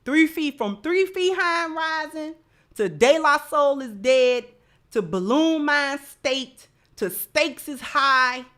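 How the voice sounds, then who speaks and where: A woman hosting a livestream speaks in a high, fairly bright voice with lively intonation, taking things slowly. She reads chat messages to her audience and delivers fervent commentary, repeating phrases emphatically to get her points across.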